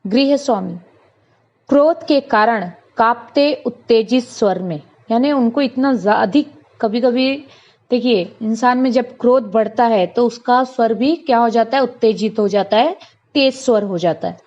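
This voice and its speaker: A woman's voice: on the high side, unhurried, a little mellow. A woman teacher reading a story aloud and explaining it to her pupils, speaking to them directly. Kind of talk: reading and explaining a school lesson. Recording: dull lo-fi recording.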